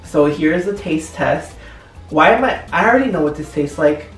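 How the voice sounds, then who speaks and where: A man's voice: a little high, lively intonation, normal speed. A young man chatting casually and joking through a home cooking vlog in his kitchen. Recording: echoey kitchen, distant mic, faint music.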